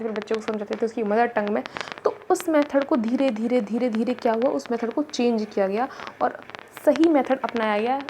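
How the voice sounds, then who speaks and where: Indian woman teacher, exam-prep lecture, somewhat high voice, repeats key points, checks in often, faint background noise.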